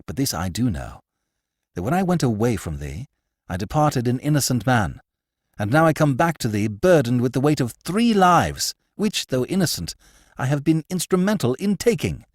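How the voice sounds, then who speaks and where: Reading a story as an audiobook, a man voices a shaken, honest young man who speaks earnestly in old-fashioned, formal language, pitching it above his own natural voice. The character sits in a mid range with big pitch swings at a moderate pace. The studio sound is clean, with no room echo.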